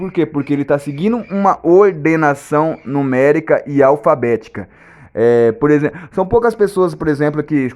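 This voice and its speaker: A man giving a casual lesson, asking rhetorical questions and restarting his words often. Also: a little high. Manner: talks in bursts with many restarts and repeated words. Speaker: teacher of memory techniques.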